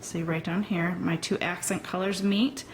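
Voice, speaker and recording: A woman teaching a crochet tutorial step by step, pausing often with ums while she works. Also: fairly low pitch, steady tone, slight background noise, low-quality recording. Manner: slow, hesitant with frequent ums, talking while working. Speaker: crochet instructor.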